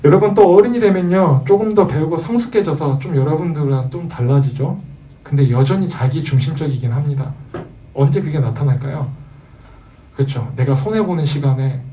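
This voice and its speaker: A man's voice: mid-range voice, warm tone, recorded from a distance. A man preaching a sermon to teenagers, asking the audience questions and acting out the voices he quotes. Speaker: youth pastor.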